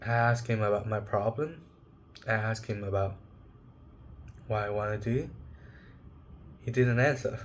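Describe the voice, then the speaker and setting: Slow, halting young man sharing a story. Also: on the low side, slight background noise. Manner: halting, searching for words, emotional. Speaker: vlogger. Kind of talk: personal reflective monologue.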